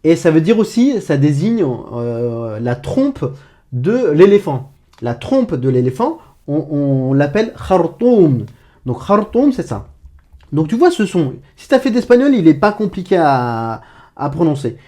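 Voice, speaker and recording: A man with a mellow, dark-toned voice teaches an Arabic letter in a relaxed, chatty way. He talks straight to the viewer and often stops to correct himself. He slows down to repeat throaty sounds. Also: fairly high pitch. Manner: demonstrates throaty sounds slowly and repeats them. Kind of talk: casual online language lesson.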